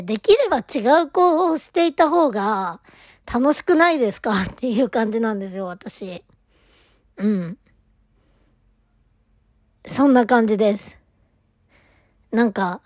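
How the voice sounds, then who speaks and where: A woman's voice: fairly high pitch, a little mellow, no room sound, clean studio sound. A woman talking casually to camera as a fan, gushing and rambling about her favorite idol, sometimes dropping almost to a whisper. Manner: gushing, rambling, drops to near-whisper at times. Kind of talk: casual solo talk to camera.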